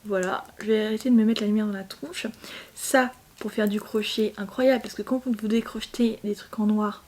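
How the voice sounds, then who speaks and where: A woman's voice: medium pitch, fairly even intonation, normal speed, a little mellow. A young woman chatting casually to camera at home, bubbly, with lots of fillers and restarts. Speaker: vlogger.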